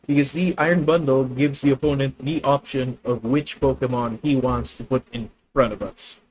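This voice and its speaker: With a steady, slightly mellow mid-range voice at normal speed, a Filipino-accented man from the Philippines thinks out loud while playing a card game live and talking to his viewers. The audio quality is poor.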